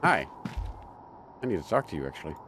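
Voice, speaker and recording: A man's voice: low-pitched, big pitch swings, brisk, background noise. A man commenting on a mystery game playthrough in a sarcastic, joking way. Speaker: gamer.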